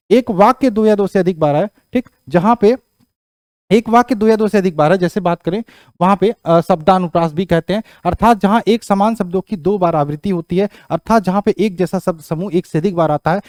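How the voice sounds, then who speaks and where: Male grammar teacher, high voice, repeats himself, dry close recording. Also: a little fast, no room sound. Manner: repeats key phrases, asks the class "clear?"; rises in pitch and loudness when explaining examples. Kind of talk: exam-prep grammar lesson.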